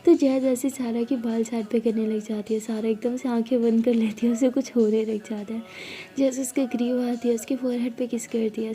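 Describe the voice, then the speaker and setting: A woman's voice: high-pitched, warm tone. A woman narrating a love story in a chatty, casual way with conversational asides.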